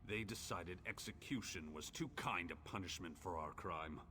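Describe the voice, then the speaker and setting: Deep, forceful, bitter ancient orc. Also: male voice, slight background noise. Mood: sorrowful, bitter. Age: old. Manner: solemn, theatrical, slow archaic storytelling. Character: ancient imprisoned male orc, bitter, lovelorn, grave. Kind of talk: dramatic fantasy game dialogue.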